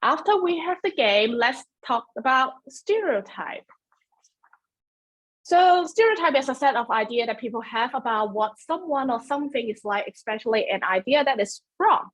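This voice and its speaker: Into her computer mic, a webinar host whose first language is Cantonese chats along self-deprecatingly, with lots of fillers and restarts. Her high, fairly bright voice is expressive and moves at a normal speed, though the recording quality is low.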